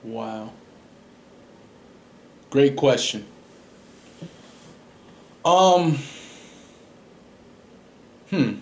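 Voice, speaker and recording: Cocky young man in a lively mock press conference. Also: medium pitch, very slow, long pauses, slight background noise. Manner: cocky, defensive, rambling answers. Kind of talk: comedic parody press conference. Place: small room indoors. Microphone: large studio microphone close up.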